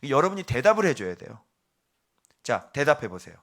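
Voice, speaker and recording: A middle-aged male pastor giving a morning devotional sermon, animated and questioning his listeners directly, then dropping to a hushed, slow voice for key words. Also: mid-range voice. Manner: animated, quizzes the congregation directly.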